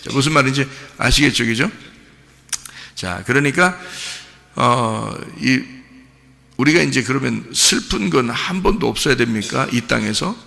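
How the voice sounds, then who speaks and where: Gravelly pastor preaching in a reverberant church. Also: male voice, mid-range voice. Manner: animated, repeats phrases, asks the congregation questions. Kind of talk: sermon. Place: church sanctuary. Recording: long reverb of a church hall.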